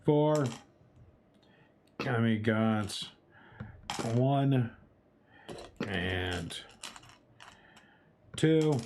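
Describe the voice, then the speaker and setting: A young man livestreams for charity, chatting with viewers as he tackles a chopsticks challenge and narrating every step with playful exclamations. His medium-pitched voice is expressive but extremely slow, full of frequent pauses, with background noise in the clip.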